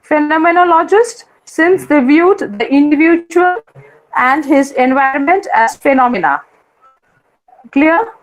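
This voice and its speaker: A woman's voice: high voice, measured pace, rough recording. A woman lecturer with an Indian English accent teaching a class, repeating her points and often asking students whether they follow.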